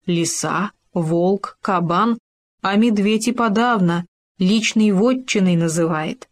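A woman reads a children's fairy tale aloud, slow and measured. Her voice sits in a middle pitch, and she gives each line an expressive storybook lilt. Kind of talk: storybook narration.

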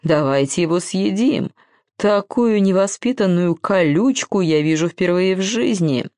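A tiny, doddering old spider, as a woman reader puts him on, shrill and cranky, jumping between squeaky outbursts and slow grumbles. He cackles at what he mocks, in a dry, close storybook reading. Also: expressive, darkish tone, no room sound. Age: older.

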